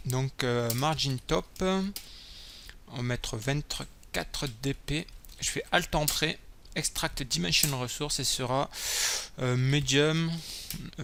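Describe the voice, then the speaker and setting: A man hosts a screencast coding tutorial, casually thinking aloud as he types and explains each step. His mid-range voice is a bit bright, with slight background noise.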